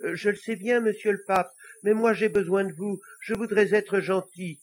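A man doing an eager, high little devil. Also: steady tone, moderate pace, slight background noise, natural voice. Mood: insistent. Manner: earnest, pleading and courteous. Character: polite little male devil, eager to become good. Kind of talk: storybook reading.

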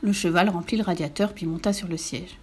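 A woman reading a children's story aloud in a lively, playful way, speaking to her listeners. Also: on the low side, brisk, slightly rough.

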